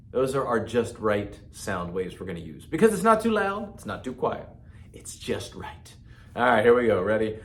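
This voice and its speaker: A man's voice: on the low side, a little hiss or hum. Playful man teaching kids about voice. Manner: playful, demonstrates loud and whispered voices, laughs often. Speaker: music teacher. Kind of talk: children's music lesson.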